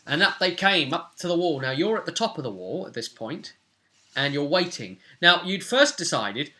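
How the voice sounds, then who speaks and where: Speaking from a small furnished room in his home, a twenties-aged man gives a casual, dramatic recap of the tabletop role-play session he ran as game master. His slightly high voice swings widely in pitch, sounding pushed and bright at a moderate pace.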